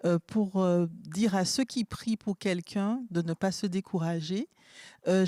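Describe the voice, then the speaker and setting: Dark-voiced woman giving a testimony. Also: lowish voice, no echo, studio quality. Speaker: guest. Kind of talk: sharing a prayer testimony.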